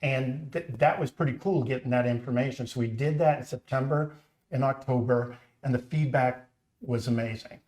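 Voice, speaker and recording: A man's voice: mid-range voice, normal speed, darkish tone. A middle-aged man with a Boston accent, a company founder hosting a live stream, telling his story in a chatty, earnest way. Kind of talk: casual live-stream chat. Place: home kitchen. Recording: echoey room.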